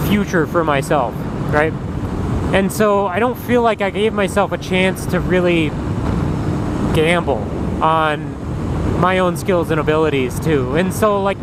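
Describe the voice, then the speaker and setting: Young American motovlogger inside a helmet, loud road noise. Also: male voice, sits high. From Minnesota, United States. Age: early 20s. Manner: swears casually, thinking aloud. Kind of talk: casual rambling vlog monologue while riding. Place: outdoors on a moving motorcycle, voice inside a helmet. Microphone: helmet mic. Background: loud engine and road noise.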